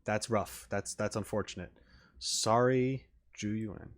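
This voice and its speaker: A reaction video host and streamer offers casual, off-the-cuff commentary, rambling through his thoughts with many asides. His voice is lowish and fairly even, and he takes his time.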